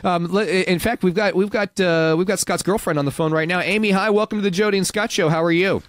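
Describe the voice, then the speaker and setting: A man co-hosting a comedy radio show, talking in a halting, stammering way. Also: high voice, steady tone, no room sound. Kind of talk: scripted comedy bit.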